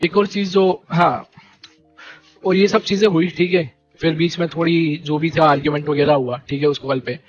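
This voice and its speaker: A young man leading a gaming team, ranting to his stream viewers in an animated, indignant way and repeating fillers. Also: a little high, moderate pace, dull audio, faint music behind. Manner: animated and indignant, keeps repeating "theek hai" and "bhai". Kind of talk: heated live-stream rant.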